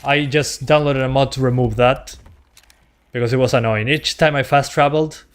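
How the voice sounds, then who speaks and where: A man's voice: mid-range voice, steady tone, normal speed. A man doing casual gameplay commentary as a streamer, chatting with his viewers as he plays. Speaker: game streamer.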